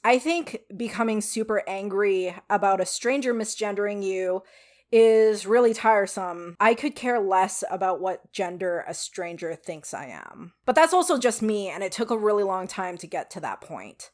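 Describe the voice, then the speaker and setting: A woman's voice: medium pitch, animated, moderate pace. A woman with a weak voice giving frank, casual opinion commentary to viewers, with some swearing. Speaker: video commentator.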